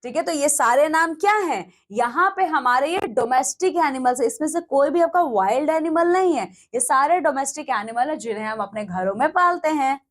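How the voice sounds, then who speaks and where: A woman teaching English vocabulary in a classroom-style lesson, mixing Hindi with English and slowing down to read English sentences aloud. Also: sits high, animated. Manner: mixes Hindi with English, reads word lists aloud, slows down for English sentences.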